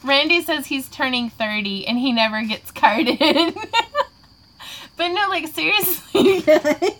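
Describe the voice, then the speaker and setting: Giggly tipsy young woman, fairly high voice. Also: slow, fairly bright tone, a little hiss or hum. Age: 20s. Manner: giggly and rambling, laughs often. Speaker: craft vlogger hosting a live Q&A. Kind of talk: casual livestream chat while crafting.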